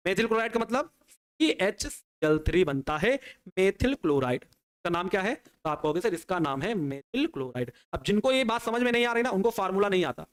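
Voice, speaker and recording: A man with a fairly high voice teaches an online exam-prep chemistry lecture. He talks through each reaction step by step. He often poses a question and answers it on the students' behalf. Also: animated, fairly quick, smooth. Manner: explains step by step at a working pace.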